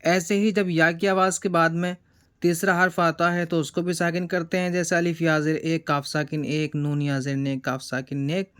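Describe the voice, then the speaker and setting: A man from India teaching reading, spelling words out letter by letter in a slow, deliberate way. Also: on the high side, flat delivery, fairly bright tone, smooth.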